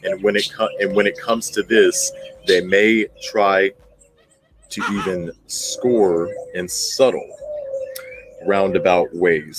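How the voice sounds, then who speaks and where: A man with a low voice hosts an astrology commentary channel, with background noise audible. Part of it is read and part ad-libbed, and he speaks bluntly and emphatically, repeating phrases to stress them.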